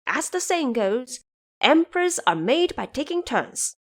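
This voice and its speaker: A woman's voice: high-pitched, big pitch swings, unhurried, voice pushed up, heavily acted. A woman voicing a brash, boastful immortal monkey king with a defiant, declamatory manner in an audio drama. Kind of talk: audio drama character acting.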